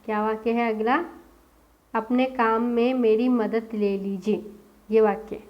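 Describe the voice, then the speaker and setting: A woman teaching a spoken English lesson. She asks the class questions and repeats each English sentence slowly, word by word. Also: a little high, fairly even intonation, highs cut off.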